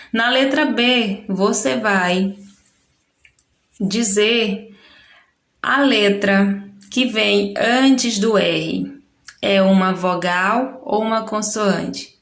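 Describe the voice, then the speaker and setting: Slow, gravelly-voiced Brazilian woman teacher. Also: medium pitch, a bit bright, reverberant. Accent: Brazilian Portuguese. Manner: patient, explaining step by step, sounding out syllables. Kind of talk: recorded lesson walkthrough.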